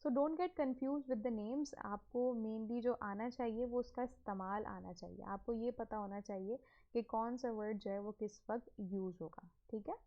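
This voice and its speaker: A woman's voice: on the high side, measured pace, lo-fi sound. A woman, teaching from slides, mixing English phrases into Urdu and asking and answering her own questions. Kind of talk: explaining a slide lesson.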